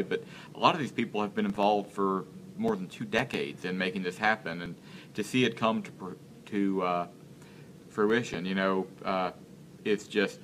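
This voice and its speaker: A man in his thirties, an interview guest speaking in a casual live-stream chat, earnest and halting as he searches for words. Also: deep voice, a bit bright, a little hiss or hum. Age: 30s.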